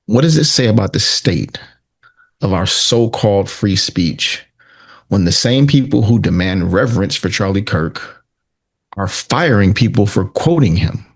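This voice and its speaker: A man co-hosting a talk show, delivering prepared opinion commentary in a deliberate, rhetorical, sarcastic exposé manner. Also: on the low side, lively intonation, creaky, slightly rough.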